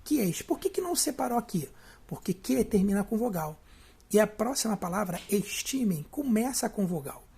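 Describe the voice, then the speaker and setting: Brief: Brazilian Portuguese teacher, gravelly and husky, explains step by step and keeps checking in. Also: mid-range voice, sing-song, moderate pace, darkish tone. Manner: step-by-step, often checks in with the listener. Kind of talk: video lesson on poetry.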